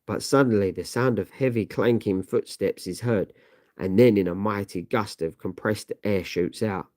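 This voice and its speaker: A man's voice: lowish voice, normal speed, darkish tone, no room sound, studio quality. A man narrating a comic book aloud with dramatic emphasis.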